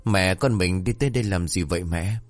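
A man's voice: low voice, fairly quick, no echo, natural voice. A man voicing a cheeky, spoiled teenage daughter who teases her mother in a folk tale. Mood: teasing. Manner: teasing, sassy.

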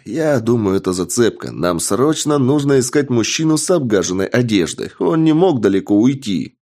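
A man voicing a brazen, excitable young male suspect who talks in a cheeky, mock-earnest way in an audiobook. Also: mid-range voice, pitched above the performer's own voice. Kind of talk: audiobook character voice.

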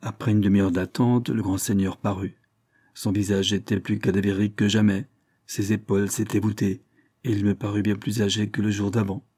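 A man narrating a classic detective story in a measured, literary audiobook reading. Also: on the low side, little pitch movement, warm tone, slightly rough, no room sound, studio quality. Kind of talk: scripted narration.

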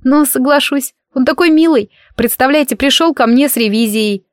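A woman voices a dreamy young light witch in an audiobook, gushing and chattery, at a moderate pace. The character voice sits high, pitched above her own but close to an everyday voice, and the recording is dry with clean studio sound.

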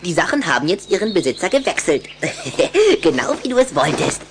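A woman's voice: fairly low pitch, big pitch swings, moderate pace, heavy background noise. A woman playing a boastful, touchy little boy vampire in a children's audio drama, with a mocking, giggly manner. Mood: brash, cheeky.

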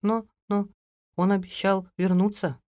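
A man reading an audiobook, voicing a nervous young wife in a high, anxious voice. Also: lively intonation, a little slow, dry recording, clean studio sound. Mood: frightened. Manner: shrill, anxious. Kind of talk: audiobook character voice.

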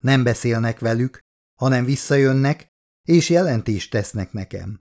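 A haughty, wealthy woman who bosses an expedition around, every word cool and clipped with superiority, as a male audiobook narrator voices her. The delivery stays at a middling pitch and is read for a storybook recording. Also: expressive, a little mellow, natural voice. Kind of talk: audiobook character reading.

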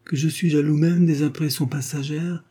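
A man's voice: fairly high pitch, steady tone, moderate pace, mellow, breathy edge, voice pushed up. A man reading aloud plays a young lawyer in love, earnest and heartfelt. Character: young lawyer, loving and jealous.

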